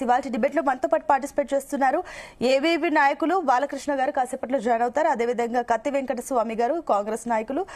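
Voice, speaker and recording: A woman anchoring a morning news debate, reading a brisk formal opening, then putting long questions to the panel. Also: high voice. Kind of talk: studio news debate hosting.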